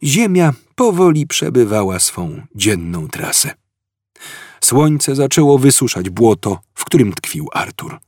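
A man narrating an audiobook with expressive, dryly ironic storytelling. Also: medium pitch, a little slow, no room sound, studio quality. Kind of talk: scripted narration.

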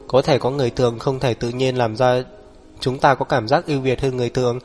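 A man voicing a proud, cold young man who speaks low, firm and measured, in an audiobook. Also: close to an everyday voice. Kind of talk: audiobook character voice.

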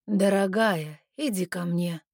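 A woman's voice: lowish voice, slow, no room sound, studio quality. A woman playing a purring elf husband. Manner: soft, purring, soothing. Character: doting, patient male elf husband.

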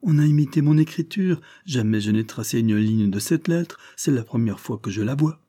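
A man's voice: medium pitch, lively intonation, brisk, mellow, breathy edge. A man voicing a young male soldier accused of spying, who protests and pleads in an audiobook. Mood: offended. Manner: protesting, pleading with rising intensity. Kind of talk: audiobook character voice.

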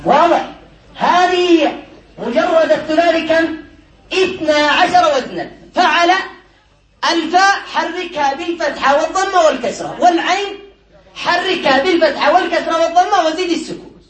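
A man's voice: very high voice, moderate pace, fairly bright tone, distant mic. A man teaching a classroom lesson as a sheikh. He quizzes his students, repeats the answers, and chuckles often. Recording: echoey room.

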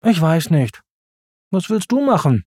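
A narrator voicing Simba, a gentle male lion cub, in a raised friendly storybook voice. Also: medium pitch, sing-song, takes it slowly, husky, no room sound, clean studio sound, pitched above the performer's own voice, heavily acted. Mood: unsure. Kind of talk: storybook reading.

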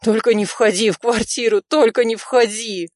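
A woman voicing a terrified man in hiding, pleading slowly to himself. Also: fairly low pitch, steady tone, darkish tone, no echo, clean studio sound.

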